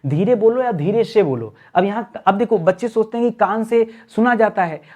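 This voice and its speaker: A man's voice: sits high, lively intonation, normal speed, a little mellow. Male Hindi teacher, talky and teasing, asks the class questions and answers them himself. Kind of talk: online exam-prep lesson.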